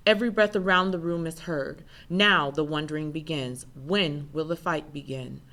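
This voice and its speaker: A woman giving an intense, measured first-person spoken word performance. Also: sits low, fairly bright tone.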